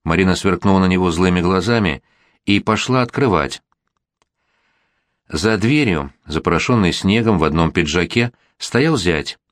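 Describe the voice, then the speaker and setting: Deep-voiced man reading a story. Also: expressive, moderate pace, no room sound, clean studio sound. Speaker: narrator. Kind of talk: audiobook narration.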